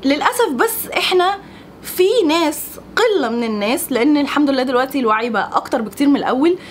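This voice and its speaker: Young woman, Egyptian accent, casual vlog, exasperated, laughs often, fast talker. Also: high voice, lively intonation, slight background noise. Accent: Egyptian Arabic. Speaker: vlogger.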